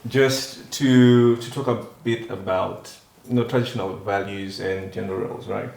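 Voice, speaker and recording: A man with a lowish voice hosts a relaxed podcast chat. He asks follow-up questions and steers the talk. The sound is roomy and echoey. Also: moderate pace, gravelly. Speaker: podcast host.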